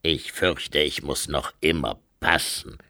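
A man voicing War, an ancient boisterous warrior growing old, in a gruff, blustery audiobook character voice. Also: rumbling low, fairly even intonation, takes it slowly, bright, forceful tone, dry recording, studio quality, pitched below the performer's own voice, heavily acted.

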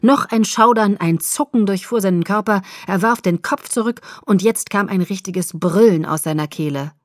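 A woman narrating a first-person story as an audiobook reader, with expressive scripted delivery. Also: medium pitch, normal speed, no echo, clean studio sound.

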